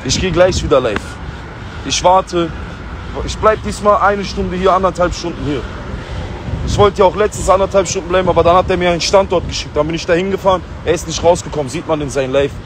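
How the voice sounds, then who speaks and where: A man talks into a live stream outside by a street, slangy and insistent. He fires off one rhetorical question after another. His voice sits fairly high, and traffic noise is clear behind him. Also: a little fast.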